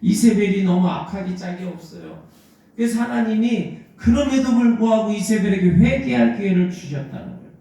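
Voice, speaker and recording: Preaching a Sunday sermon, a male pastor narrates the story and performs its characters' lines in a high, mellow voice with vocal fry, speaking at normal speed. The echoey church hall of the sanctuary is audible in the recording.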